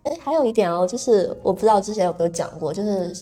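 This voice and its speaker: A woman's voice: medium pitch, lively intonation, quick pace, mellow, faint music behind. A woman from mainland China hosting a podcast in casual chat, curious and full of questions, laughing often. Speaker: podcast host.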